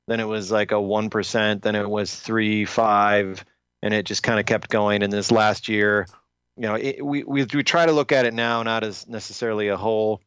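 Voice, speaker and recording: Low-voiced man, dull dry podcast sound. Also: a bit bright, clear, resonant tone, dry recording. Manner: measured, many restarts and fillers. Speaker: industry guest. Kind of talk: podcast interview.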